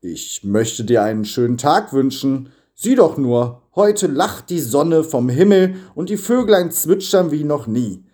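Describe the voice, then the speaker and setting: A man voicing a kind, wise old bishop who speaks calmly and gently. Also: fairly high pitch, measured pace, hardly any pauses, voice pushed up. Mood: gentle. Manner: calm, gentle speech.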